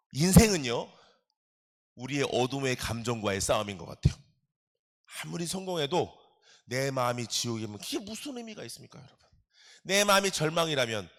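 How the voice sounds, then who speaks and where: A middle-aged male pastor preaching a sermon, animated and joking, calling out to the congregation. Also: medium pitch.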